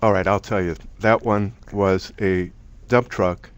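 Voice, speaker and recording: Deep-voiced middle-aged guy doing an online talk, chatty, restarts his sentences a lot. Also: fairly even intonation, measured pace. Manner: conversational, thinks aloud with restarts. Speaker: presenter from a music archive. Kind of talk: online lecture presentation.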